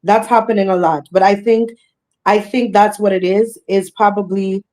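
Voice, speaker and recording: Woman, reggae singer guest, bold and animated, mid pitch, repeats herself for emphasis. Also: moderate pace. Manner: bold, animated, laughs often, repeats phrases. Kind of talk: casual podcast interview.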